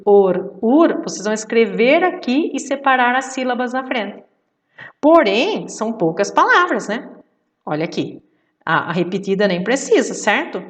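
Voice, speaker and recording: Woman, teacher, slow patient explanation, distant mic. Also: mid-range voice. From Brazil. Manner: patient, explanatory, often checks with 'certo?'. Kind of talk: remote video lesson for children.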